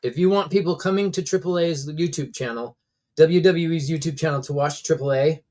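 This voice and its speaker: Brisk and mellow, a little high in pitch, this man runs a casual wrestling livestream. He's opinionated and conversational, reading out chat comments and answering them while giving his commentary.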